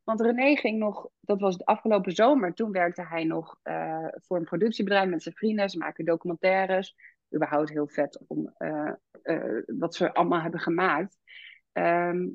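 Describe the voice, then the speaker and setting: A woman in her thirties talks openly as an interview guest, thinking aloud with plenty of hesitations. Her voice has a gravelly, creaky edge. The sound is dull and dry, with no room around it. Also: lowish voice, moderate pace, no room sound. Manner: reflective, many fillers, animated when quoting her child. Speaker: podcast guest, founder and midwife. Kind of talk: candid conversational interview.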